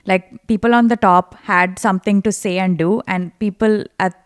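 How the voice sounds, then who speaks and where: A woman's voice: mid-range voice, fairly even intonation, normal speed, dry recording, clean studio sound. A woman co-hosting a podcast, thinking aloud in a reflective way and often checking in with "right?". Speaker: podcast co-host. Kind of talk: casual podcast conversation.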